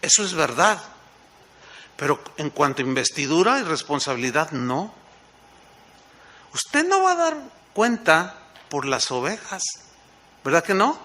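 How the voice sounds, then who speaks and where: A pastor from Mexico with a Mexican accent, preaching a sermon through animated stories and rhetorical questions. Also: male voice, a little high, unhurried, long pauses.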